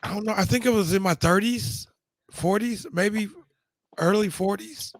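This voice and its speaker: A middle-aged man whose voice is giving out chats casually as a show host, speaking high-pitched at a moderate pace with no echo. He rambles through his stories, restarting often and filling gaps with fillers.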